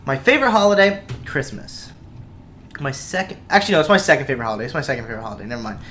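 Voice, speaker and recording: A man's voice: mid-range voice, racing, fairly bright tone, a little hiss or hum. A man co-hosting a casual podcast, joking and teasing his friends. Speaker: podcast host. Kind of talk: casual chat among friends.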